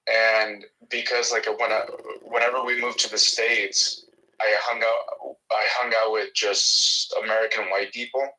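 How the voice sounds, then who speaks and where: A Mexican man, a native Spanish speaker with a faint Mexican accent, chats casually on a video call, friendly but stammering and restarting. His voice is on the low side, level, unhurried, and pushed and bright in quality, and the poor audio has a little hiss or hum.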